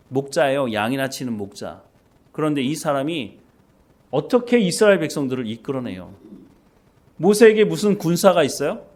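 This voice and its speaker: A male pastor giving a sermon in a conversational style, reading scripture and asking his listeners many rhetorical questions. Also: on the high side.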